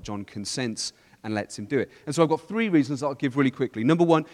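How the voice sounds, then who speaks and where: A man's voice: medium pitch, darkish tone. Male church leader, casual Bible study talk, explanatory, reverberant room. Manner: explanatory, with frequent restarts and quoted scripture.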